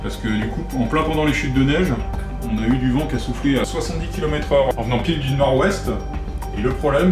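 A man's voice: medium pitch, reverberant. A young man casually explaining his ski mountaineering plans in a vlog, point by point, at home. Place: home living room.

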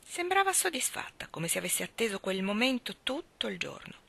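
A woman narrating a story aloud in a measured, expressive way, often dropping to a near whisper. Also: mid-range voice, vocal fry, slightly rough. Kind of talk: storybook reading.

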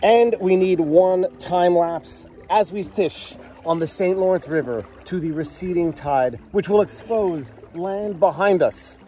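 A man's voice: high voice, measured pace, hardly any pauses, mellow, slight background noise. Bearded man vlogging outdoors, playful. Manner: playful, wry, chatty with his kids. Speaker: family vlogger. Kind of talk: casual family travel vlog. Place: outdoors at a campsite and roadside. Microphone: handheld camera at arm's length.

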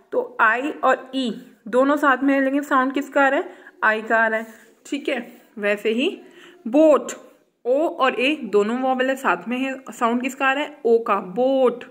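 An Indian woman teaching a grammar lesson, reading English lines slowly and explaining them while asking her students questions. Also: fairly high pitch, fairly bright tone. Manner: slow when reading English text aloud; repeats "ठीक है" and asks quiz questions.

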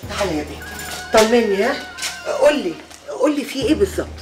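A woman's voice: mid-range voice, big pitch swings, fast talker, natural voice. An actress with an Egyptian accent playing a worried middle-aged mother who comforts her daughter in a TV drama. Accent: Egyptian Arabic. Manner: anxious, comforting. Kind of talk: TV drama acting. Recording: music score underneath.

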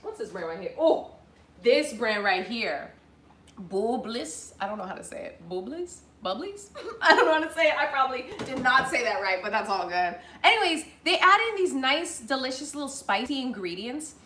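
Cooking live from her echoey home kitchen, a bubbly host chats casually and addresses viewers as "y'all." She speaks at normal speed in a fairly high, sing-song voice, bright and forceful, with a little hiss or hum on the recording from a fixed camera at counter distance.

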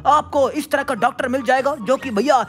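A man's voice: extremely high pitch, fairly quick. A man voicing a whiny younger male cartoon cat, who complains and boasts to his older brother during a game. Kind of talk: in-character gameplay voicing. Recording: faint background music.

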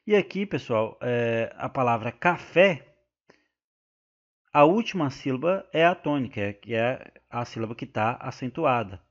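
A Brazilian man teaching an online grammar lesson, his voice of ordinary middle pitch. He explains patiently and methodically, often addressing his students directly. The recording sounds dull and lo-fi. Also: animated, normal speed, few pauses. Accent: Brazilian Portuguese. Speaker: exam-prep teacher. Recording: muffled lo-fi recording.

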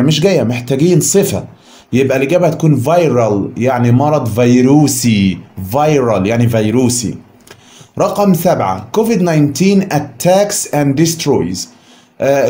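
A man with an Egyptian Arabic accent teaches an English vocabulary lesson. He says each word, gives its meaning, then repeats it slowly for students to copy. His voice is mellow and dark. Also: medium pitch. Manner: drills words by repeating them slowly.

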